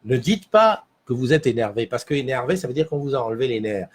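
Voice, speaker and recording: A man's voice: medium pitch, expressive, fast talker, husky. A man hosting a casual morning livestream from a small studio, rambling and answering viewer comments as he reads them. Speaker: livestream host.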